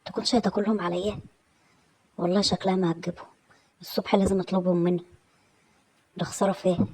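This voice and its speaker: A woman with an Egyptian accent rattles through a comic inner monologue at a quick clip, grumbling and muttering to herself. Her voice is husky, with a breathy edge. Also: lowish voice, little pitch movement, darkish tone, rough recording. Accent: Egyptian Arabic. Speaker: comedy sketch creator.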